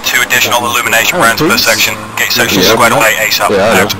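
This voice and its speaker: A man's voice: lowish voice, fast talker, over a noisy crowd. A man giving terse, formulaic military radio calls, repeating call signs in a clipped procedural style. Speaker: player acting as military radio operator. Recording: very noisy, aircraft and vehicle din.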